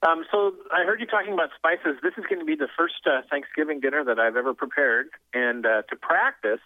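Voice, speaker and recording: A man's voice: a little high, fairly quick, no echo. A man calling in to a talk show, asking questions with a hesitant manner and many restarts, heard over a phone line. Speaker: caller. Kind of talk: phoning in to a radio show.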